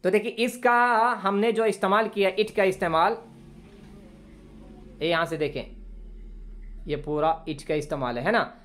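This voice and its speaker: A man teaching an English grammar lesson, patiently repeating phrases slowly for his students. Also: high-pitched, fairly bright tone, a little hiss or hum. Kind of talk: classroom lesson explaining grammar.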